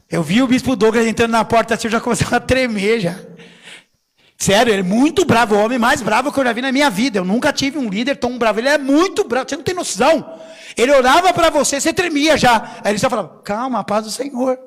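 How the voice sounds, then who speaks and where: A middle-aged man, a bishop, preaching a lively sermon full of stories and jokes, acting out what others said with big swings in his voice. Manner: animated, jokey, acts out quotes with big pitch swings. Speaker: bishop and pastor. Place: church sanctuary. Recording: long reverb of a church hall.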